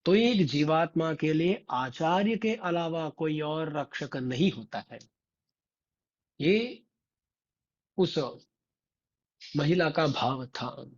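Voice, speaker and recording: A man, a Vaishnava religious teacher, tells a devotional story in a slow, repetitive way and keeps turning to his listeners with rhetorical prompts. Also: a little high, dull audio.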